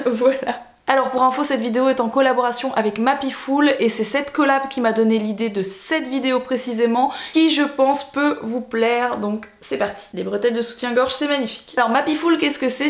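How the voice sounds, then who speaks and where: A woman's voice: a little high, brisk. A young woman from Belgium chatting casually to camera in a vlog, with lots of fillers and restarts. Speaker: vlogger. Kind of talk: casual sponsored vlog chat. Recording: echoey room.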